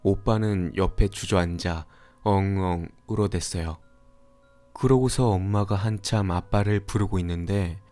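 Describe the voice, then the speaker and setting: A man calmly narrating a scary story for a horror radio show. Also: fairly low pitch. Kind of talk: scripted horror story reading.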